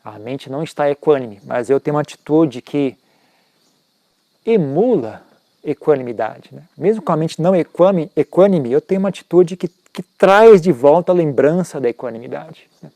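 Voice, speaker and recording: A man's voice: fairly high pitch, lively intonation, moderate pace, dark tone, dry recording. A man teaching Buddhism in an informal, conversational talk, often tagging his sentences with questions and making self-mocking asides.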